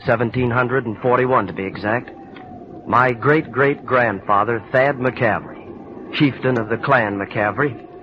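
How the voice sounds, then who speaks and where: A man's voice: medium pitch, natural voice. An actor playing a wounded, earnest clansman recounting family history in 1940s radio style. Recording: muffled, noisy old radio recording.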